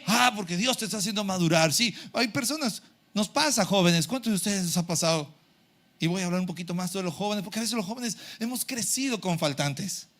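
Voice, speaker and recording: A middle-aged man preaching a sermon as pastor in a church, animated and acting out his congregation's complaints. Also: sits high, brisk.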